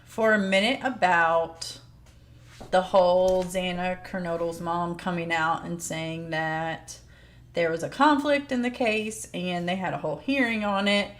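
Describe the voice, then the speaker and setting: A woman's voice: fairly low pitch, steady tone, unhurried. A woman giving informal, plain-spoken commentary as she explains court news like a true crime host.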